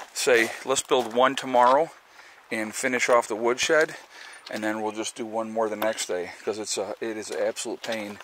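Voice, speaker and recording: Background noise accompanies a mid-range male voice as a homesteading vlogger with a Northeastern American accent tours his land outdoors. He carries a handheld camera and rambles casually, with many fillers and restarts.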